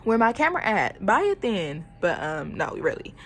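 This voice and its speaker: A woman's voice: mid-range voice, sing-song, normal speed. A woman in her twenties chatting casually to camera in a home vlog, talking freely with lots of fillers and playful exclamations, recorded on a phone camera. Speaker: vlogger. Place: at home, indoors.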